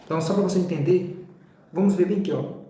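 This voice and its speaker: A man teaching a recorded theology class, explaining terms in a didactic way, repeating key words slowly and checking in with his students. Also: high-pitched, mellow, roomy sound. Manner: didactic, talks straight to the student with "tá?" and "ó"; drawn-out repetition of key terms.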